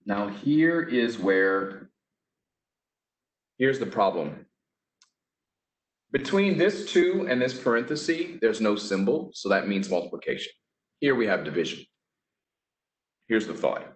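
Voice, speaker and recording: A man's voice: lowish voice, very animated, takes it slowly, long pauses. A man teaching a casual math lesson, talking through each step with chatty, offhand asides. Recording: echoey room.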